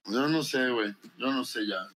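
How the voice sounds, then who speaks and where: A man's voice: medium pitch, moderate pace, a loud crowd. A man with a Mexican Spanish accent in a casual podcast chat, often hesitating and searching for words. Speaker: podcast co-host.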